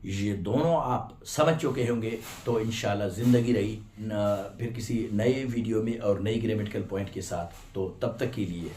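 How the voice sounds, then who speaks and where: A man's voice: lowish voice, unhurried, few pauses, dark tone. A man teaching a grammar lesson, explaining step by step and often checking "right?" with his students. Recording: roomy echo.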